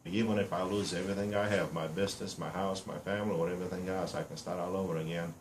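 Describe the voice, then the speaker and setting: In his fifties, a Romanian man with a deep voice introduces himself to camera as a reality show applicant, boasting in blunt, halting English full of fillers. His intonation stays fairly even, and the echoey room carries faint ambient noise.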